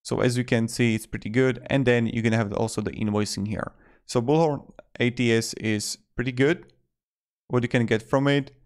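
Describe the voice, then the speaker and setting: A man in his twenties narrates a casual video review in a steady mid-range voice at normal speed, his phrasing loose. He's in a small indoor room, right up near a desktop microphone.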